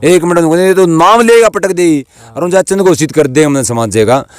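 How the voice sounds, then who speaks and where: A man talks angrily and bluntly in a street interview, swearing as he goes. His voice sits fairly high, and the recording is dry and close. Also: normal speed, no room sound.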